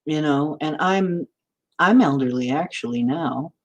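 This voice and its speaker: A livestream host in her sixties chats in a meandering, rambling way, answering viewer comments as she goes. Her voice is low-pitched and darkish in tone, and she talks a little slowly.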